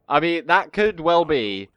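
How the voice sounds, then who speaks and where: Stuffed up from a cold, a young man hosting a gaming video talks casually while playing a strategy game, wandering off topic and frequently correcting himself. His smooth voice is on the high side. There's no room sound, and the highs are cut off.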